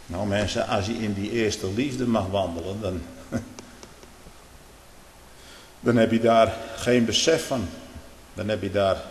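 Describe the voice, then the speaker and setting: A man preaching a sermon with great feeling, dropping to quiet earnest tones and then rising into loud outbursts, often repeating his phrases. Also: lowish voice, creaky, a little hiss or hum. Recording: echoey church with long reverb.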